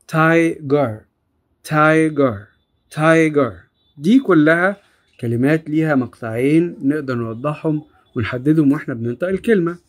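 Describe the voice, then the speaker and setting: Egyptian lady teacher, low voice, goes real slow, says each word over and over. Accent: Egyptian Arabic. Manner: slow, drawn-out word repetition. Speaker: English teacher. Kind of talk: phonics lesson for children.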